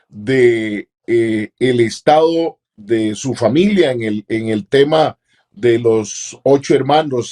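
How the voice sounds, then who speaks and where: A Costa Rican man hosts an interview and asks long, winding questions. His voice is mellow and dark in tone, at a middle pitch for a man. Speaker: radio show interviewer.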